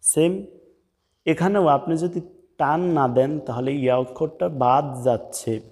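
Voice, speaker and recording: A man with a Bangladeshi Bengali accent giving a pronunciation lesson, explaining slowly and drawing out chanted words. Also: on the high side, a little mellow, in a large hall. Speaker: Quran recitation teacher. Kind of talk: pronunciation lesson with slow drawn-out recitation.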